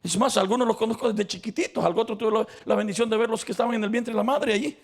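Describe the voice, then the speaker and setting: A middle-aged male pastor preaching a sermon in church. He moves from calm storytelling to fervent, emphatic calls. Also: high-pitched, very fast.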